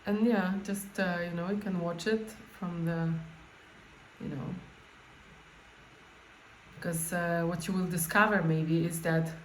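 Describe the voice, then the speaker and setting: A woman's voice: lowish voice, fairly even intonation. Woman guiding meditation in an echoey room. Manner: halting, spontaneous, with repeated words and rephrasing. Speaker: guided meditation coach. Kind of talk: informal guided meditation talk. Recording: echoey room with faint background noise.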